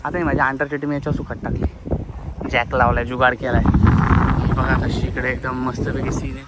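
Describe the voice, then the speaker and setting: A man's voice: mid-range voice, level tone, fairly quick. A man chatting and joking through a casual travel vlog by the sea, filmed on a handheld phone. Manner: chatty, joking, switching between Hindi and Marathi. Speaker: vlogger. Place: outdoors by the sea. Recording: noisy outdoor phone recording.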